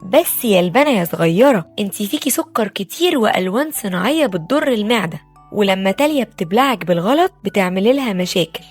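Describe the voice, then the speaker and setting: A woman with an Egyptian Arabic accent voicing a calm, wise and kind female apple in a children's bedtime story. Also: mid-range voice, fast, faint music behind, natural voice. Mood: gentle. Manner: gentle and patient, explaining.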